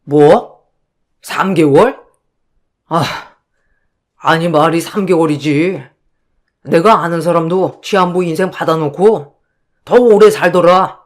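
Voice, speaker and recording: A woman's voice: lowish voice, takes it slowly, long pauses. A woman voicing a selfish, callous middle-aged husband in a radio drama, grumbling and scornful.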